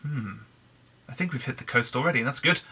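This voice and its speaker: Hoarse British man rambling over gameplay. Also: medium pitch, fast talker, sharp tone, a little hiss or hum. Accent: British English. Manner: rambling, chatty, frequent restarts. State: hoarse, croaky throat. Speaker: Minecraft let's player. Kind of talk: casual gameplay commentary.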